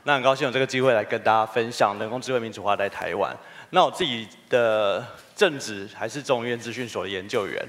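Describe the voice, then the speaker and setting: A man's voice: fairly low pitch, fast talker, fairly bright tone. A man, giving a humorous, story-driven conference keynote. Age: 40s. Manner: humorous, storytelling, self-deprecating. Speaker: keynote speaker. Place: conference hall.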